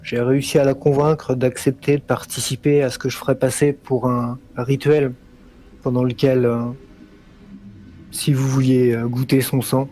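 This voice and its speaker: A man playing a tabletop game, speaking in character in a measured, explanatory way. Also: medium pitch, little pitch movement, dark tone. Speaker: player. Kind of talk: in-character tabletop role-play.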